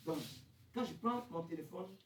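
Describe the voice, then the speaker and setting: A male pastor preaching a revival sermon, swinging from shouted high peaks to quiet questioning drops. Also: moderate pace, distant mic. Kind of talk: French-language revival sermon. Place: church hall. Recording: echoey church sound, from off the mic, faint noise.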